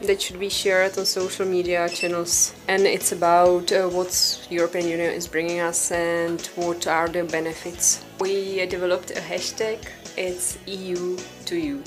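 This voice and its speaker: A woman explaining a project in a steady, matter-of-fact way. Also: lowish voice, moderate pace, hardly any pauses, faint music behind. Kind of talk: casual explanation.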